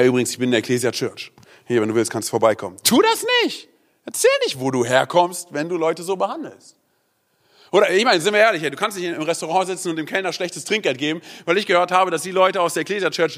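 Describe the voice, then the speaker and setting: Male preacher, lively conversational sermon, somewhat high pitch. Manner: lively, conversational, peppered with "hey" and "oder?". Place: church.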